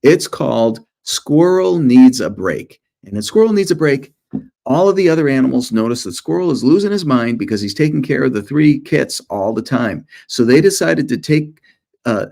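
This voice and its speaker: Presenting to a room of students, this children's author and illustrator keeps things casual, mixing lively storytelling with self-deprecating jokes. His voice is mid-range.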